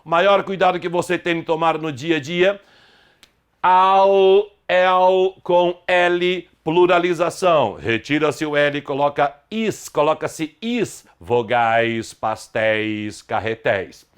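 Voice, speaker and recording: Slow, clear-spoken older grammar teacher. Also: male voice, a little high, a bit bright. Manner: slow, deliberate, repeats example words one by one. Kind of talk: grammar lesson.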